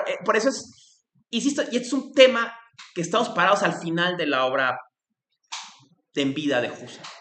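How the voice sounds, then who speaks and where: A man lectures in a university class, circling his points with constant tag questions and self-corrections. His voice is bright and sits a little high, and he bursts into animated exclamations when acting out an example. The sound bounces around a roomy lecture hall. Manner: discursive, frequent "¿no?" tags and restarts, animated quoted exclamations. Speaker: philosophy lecturer. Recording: echoey room.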